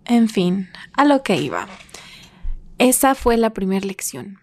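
A woman's voice: mid-range voice, sing-song, slow, no echo. A woman telling a personal story in a casual, reflective way, laughing between phrases and acting out her own past thoughts. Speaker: vlogger.

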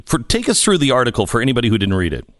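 A male talk radio host introducing and questioning a guest in a conversational way, pausing with fillers. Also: mid-range voice, huge pitch swings, dry recording, studio quality. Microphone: studio mic.

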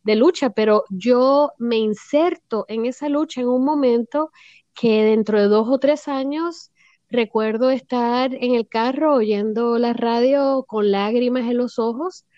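Lady telling her story slow with lots of ums, dark mellow voice, dry sound. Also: fairly high pitch, dry recording, muffled recording. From Puerto Rico. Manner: thoughtful, many pauses and fillers. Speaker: interview guest. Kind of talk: reflective storytelling.

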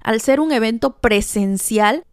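A woman's voice: on the high side, unhurried, darkish tone, no echo, studio quality. A woman hosting a podcast, giving an enthusiastic, motivational spiritual monologue straight to the listener. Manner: enthusiastic, addresses listener directly. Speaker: podcast host.

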